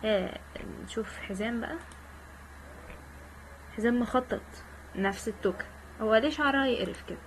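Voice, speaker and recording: A woman's voice: a little high, fairly quick, pauses often, a little hiss or hum, poor audio. A woman with an Egyptian Arabic accent giving casual, joking let's-play commentary and chatting with her viewers. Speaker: gaming channel host.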